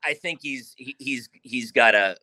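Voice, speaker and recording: Bright-voiced man answering interview questions. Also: medium pitch, a little slow, no room sound. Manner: relaxed, rambling, with frequent restarts and fillers.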